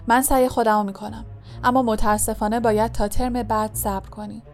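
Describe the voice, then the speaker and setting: A woman reading the part of a gentle, weary middle-aged male teacher, calm and earnest, in an audiobook. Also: fairly high pitch, faint music behind, lightly acted. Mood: hesitant. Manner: calm, earnest, comforting explanation.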